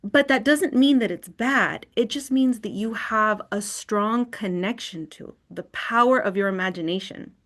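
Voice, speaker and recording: A woman's voice: medium pitch, a little slow, hardly any pauses, a bit bright. A woman leading an online wellness workshop in a screen recording of a video call. She talks conversationally and often checks in with "right?".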